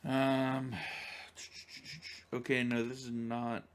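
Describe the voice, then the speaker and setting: A man's voice: medium pitch, completely flat delivery, drawn-out words, background noise. A man narrating a solo tabletop game as game master, rambling with many ums and self-corrections.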